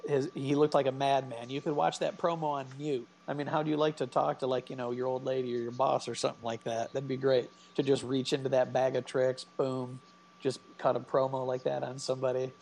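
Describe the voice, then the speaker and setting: Gravelly man telling rambling stories. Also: medium pitch, level tone, a little fast, a little mellow, slight background noise. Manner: rambling storyteller, laughs often. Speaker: podcast co-host. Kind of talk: casual chat.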